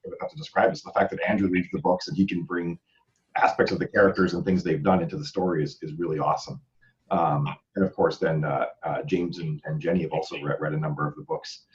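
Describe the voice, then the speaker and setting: A podcast host with a very deep, steady voice chats casually in a group conversation. He talks quickly and at length, rambling from one point to the next, and the sound is slightly dull.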